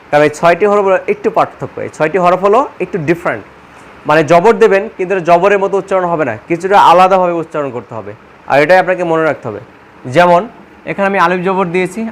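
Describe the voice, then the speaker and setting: A man teaching Quran reading in Bengali, reciting letters one by one and repeating his own questions and answers. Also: high-pitched. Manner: patient, repeats questions and answers them himself. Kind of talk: step-by-step spoken lesson.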